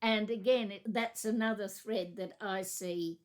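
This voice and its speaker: Woman, book podcast co-host, measured, thoughtful, mid pitch. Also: fairly even intonation. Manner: measured, thoughtful reading and commentary. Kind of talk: literary discussion podcast.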